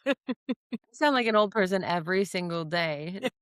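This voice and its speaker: A woman's voice: on the low side, expressive, moderate pace, clean tone, no echo, clean studio sound. A woman co-hosting a casual sports podcast, teasing and helpful, often laughing. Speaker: podcast co-host. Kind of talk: casual chat.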